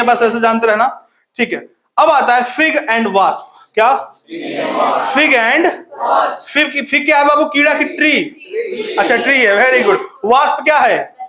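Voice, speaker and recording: A man's voice: very high voice, bright, forceful tone. A young man teaching a biology class online, constantly quizzing his students and teasing them with a laugh. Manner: call-and-response questioning, playful teasing; laughs often.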